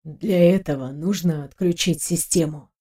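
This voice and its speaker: A woman's voice: fairly low pitch, moderate pace, lightly acted. A woman reading an audiobook, voicing a guilt-stricken man who speaks barely above a whisper. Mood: anguished. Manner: hushed, near whisper.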